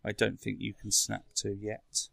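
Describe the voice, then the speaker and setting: A man's voice: lowish voice, level tone, measured pace, creaky, pushed and bright, a little hiss or hum. A man in a casual tech chat, explaining things in a rambling way as a podcast speaker. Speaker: podcast guest or co-host explaining a console.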